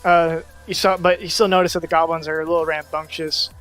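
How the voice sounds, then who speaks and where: A man narrating a tabletop game as game master over voice chat, in a loose, rambling, halting way. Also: on the high side, little pitch movement, fairly bright tone, faint music behind. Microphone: voice chat mic.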